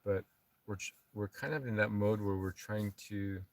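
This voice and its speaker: A man co-hosting a casual travel livestream from a camper van, chatting in a relaxed way and reading out viewer comments. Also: fairly low pitch, moderate pace, no echo, recorded from a distance. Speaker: vlogger co-host. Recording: dry, from a little off mic.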